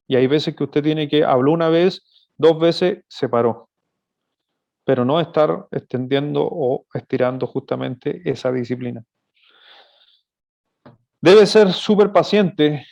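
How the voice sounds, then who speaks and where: Gravelly-voiced man preaching on parenting. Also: a little high, darkish tone. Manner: earnest, explanatory, asks rhetorical questions. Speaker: pastor giving a talk on marriage and parenting. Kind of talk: sermon-style lecture. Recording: dull lo-fi recording.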